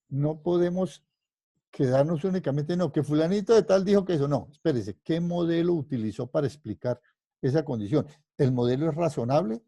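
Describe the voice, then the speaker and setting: Mellow-voiced male physics lecturer, rather high. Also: no echo, studio quality. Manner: explanatory, constantly checking understanding with questions; rephrases and restarts mid-sentence while thinking aloud. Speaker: physics professor. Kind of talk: university lecture.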